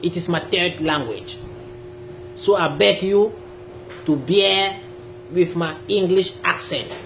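The audio is poor, with a little hiss or hum, as a YouTube creator sits on a sofa in a small room giving a direct-to-camera spirituality talk. A native Bassa speaker, he talks slowly and emphatically, gestures a lot, and his high-pitched voice sounds creaky and a bit bright.

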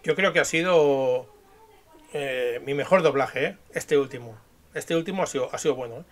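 A man giving quiet, self-mocking asides between comic dubs. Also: mid-range voice, moderate pace. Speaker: comedy creator. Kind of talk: casual aside commentary.

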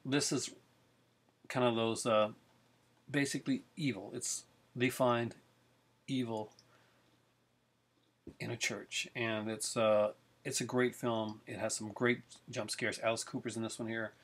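A middle-aged collector reviews films in a casual video made on a webcam close by in his living room. His medium-pitched voice stays level and unhurried with long pauses, while he rambles eagerly about his collection, using many fillers.

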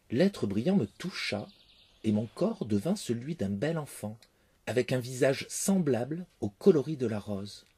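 A man reading a fairy tale aloud, expressive in his first-person telling. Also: mid-range voice, breathy edge. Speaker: narrator. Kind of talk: storybook reading.

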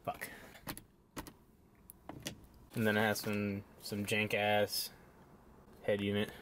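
A man's voice: fairly low pitch, monotone, unhurried, a bit bright, a little hiss or hum. Laid-back young man reviewing his car. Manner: laid-back, many fillers, casual swearing. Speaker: car vlogger. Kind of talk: casual walkaround car review. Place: outdoors behind a shopping store.

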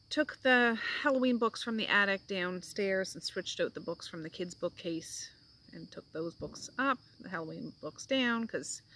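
A woman's voice: lowish voice, pushed and bright, slight background noise. A middle-aged woman hosting a casual book chat over tea at home, talking in a rambling, homey way. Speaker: book vlog host. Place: home, indoors.

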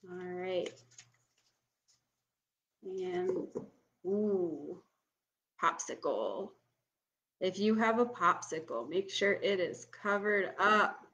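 A young woman works as a bingo caller for an online game, speaking in a medium-pitched voice. She gives casual, step-by-step instructions and announces each item, then repeats it. She is recorded indoors at home on a computer microphone. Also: fairly even intonation, takes it slowly, long pauses, bright, forceful tone. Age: young adult. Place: small room at home, indoors.

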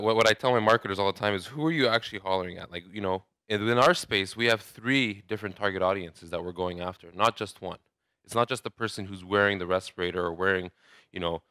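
A man in his thirties speaks at a conference, loose and conversational, restarting phrases as he goes. His voice sits a little low but rings bright and smooth, recorded dry and close. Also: no room sound. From Saudi Arabia. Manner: conversational, many restarts and fillers. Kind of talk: conference talk. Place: large hotel ballroom, indoors.

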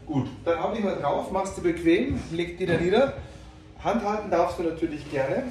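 A man's voice: high voice, animated, normal speed, a little mellow, recorded from a distance. A man in his forties from Germany, a piercer chatting casually and teasingly with a client. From Germany (Munich). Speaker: piercer, host of studio video channel. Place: small piercing studio, indoors. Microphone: camera a few metres away. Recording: very echoey small room, off-mic, music behind.

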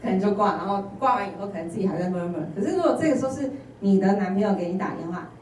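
A woman's voice: mid-range voice, rapid-fire, a little hiss or hum. A woman with a Taiwanese Mandarin accent giving a sermon as an intern preacher, telling humorous personal stories and acting out bits of dialogue. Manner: animated storytelling with humorous personal anecdotes and acted-out dialogue. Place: church sanctuary. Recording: echoey church hall, voice from a distance.

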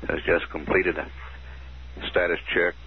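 A man with a very low voice delivers crisp, measured mission status reports, reading out one figure after another. His voice comes through a muffled radio transmission, dull and lo-fi like an old archive broadcast. A faint hiss runs underneath. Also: little pitch movement. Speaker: mission control commentator. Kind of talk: formal status announcements.

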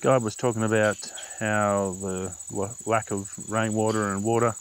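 A rural Australian man with a fairly low, fairly even voice talks at a normal speed. He's a vlogger and father out on a bush trail with his young child, chatting casually as he films. Faint outdoor noise and insects can be heard.

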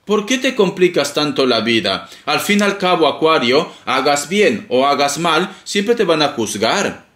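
Unhurried and sing-song, his fairly high, slightly bright voice carries a casual tarot reading through an echoey room. The man plays it theatrical and teasing, calling the listener darling in a playful way.

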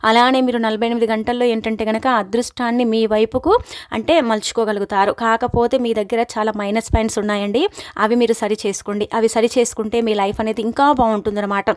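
A woman reads out horoscope advice at a rapid clip, stacking filler words as she goes. Her voice sits a little high. The sound is dry and close, with no room around it. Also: steady tone, no echo. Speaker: astrology presenter.

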